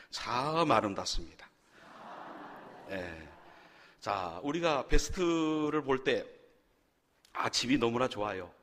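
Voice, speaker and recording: A male pastor preaches and guides his congregation through call-and-response lines, breaking the mood with small jokes. His voice sits at a middle pitch. A long reverb from the church hall trails every phrase. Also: a bit bright. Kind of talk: sermon with congregation exercises. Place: church sanctuary.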